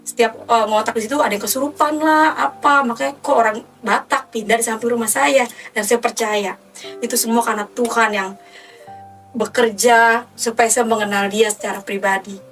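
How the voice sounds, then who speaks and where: A woman's voice: on the high side, fairly even intonation, normal speed, a bit bright, distant mic, soft background music. A woman giving an emotional personal testimony, animatedly retelling her story.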